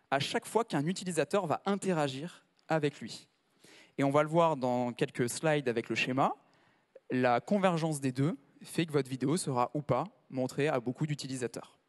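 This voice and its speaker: A man presents at a conference in a casual, conversational way, breaking off for asides and questions to the room. His voice sits fairly high. The sound rings with the long reverb of a large hall. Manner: conversational, asks the audience, many asides. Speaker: conference speaker. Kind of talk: conference talk with slides.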